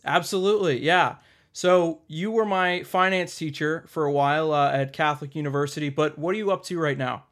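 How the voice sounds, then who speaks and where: A man's voice: on the high side, brisk, a bit bright. A man hosting an interview show who asks questions in an upbeat way and laughs easily. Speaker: podcast host.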